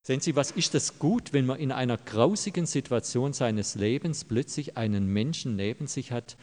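A man's voice: medium pitch, moderate pace, a little mellow. A pastor delivering a sermon in a church, emphatic and direct with the congregation, repeating his key phrases. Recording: long hall reverb.

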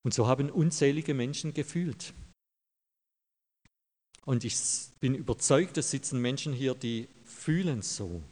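A man's voice: medium pitch, animated, measured pace, long pauses, darkish tone. A pastor delivering a sermon in a church, emphatic and direct with the congregation, repeating his key phrases. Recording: long hall reverb.

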